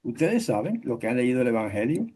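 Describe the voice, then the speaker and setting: A man's voice: mid-range voice, very animated, mellow, husky. A middle-aged man teaching a Bible class, explaining terms step by step and checking in with his listeners. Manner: explains slowly, checks in with "¿ok?" and "¿verdad?".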